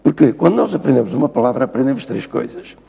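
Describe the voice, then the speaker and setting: A man's voice: mid-range voice, very animated, fast talker, creaky, warm tone, breathy edge, long reverb tail. An older man with a European Portuguese accent, a professor explaining spelling rules in a TV interview, lecturing and insistent. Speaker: linguistics professor, guest. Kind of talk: TV studio interview.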